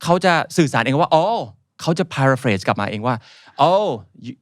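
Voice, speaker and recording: A man from Thailand, a guest author, chatting casually and telling lively stories as he mixes English words into his talk. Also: mid-range voice, measured pace, no room sound, clean studio sound. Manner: lively, animated storytelling. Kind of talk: casual interview chat, mixing in English words.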